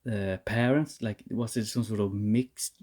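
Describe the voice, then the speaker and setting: A man's voice: fairly low pitch, fairly even intonation, a little slow, dark tone. A man giving a heated, profane rant to camera as a vlogger, often restarting and repeating words. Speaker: vlogger reviewing a series.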